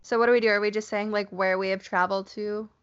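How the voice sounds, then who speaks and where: A woman's voice: mid-range voice, steady tone, fast talker, clear, resonant tone. A young woman co-hosting a podcast, chatting casually and giggling often. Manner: giggly, easygoing. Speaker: podcast co-host. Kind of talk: casual chat. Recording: dull lo-fi sound.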